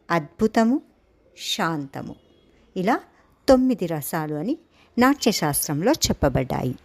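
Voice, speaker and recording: A woman giving a dance theory lesson, explaining each term slowly and chanting a verse in a measured way. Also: medium pitch, a little mellow. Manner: slow, deliberate, stretching and chanting key terms. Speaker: dance teacher.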